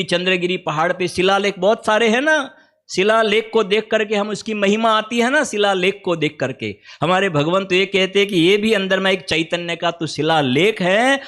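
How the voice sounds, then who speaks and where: High-voiced Gujarati-accented man preaching. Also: a bit bright. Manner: conversational, asks the audience questions often. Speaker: Jain preacher. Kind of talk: spiritual discourse at a camp. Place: teaching camp hall.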